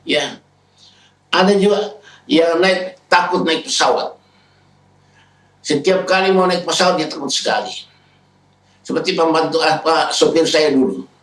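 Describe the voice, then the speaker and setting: Higher-voiced man preaching in an echoey hall. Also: measured pace, long pauses, a bit bright, recorded from a distance. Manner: preaching, retells scenes in raised voices. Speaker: pastor. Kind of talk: sermon. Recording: echoey hall, speaker away from the mic.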